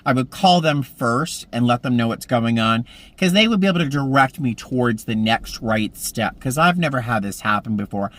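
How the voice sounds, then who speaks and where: This casual vlog features a man in his mid-fifties talking to camera from a parked car, drifting from one story to the next. His voice sits at a medium pitch and sounds a bit bright.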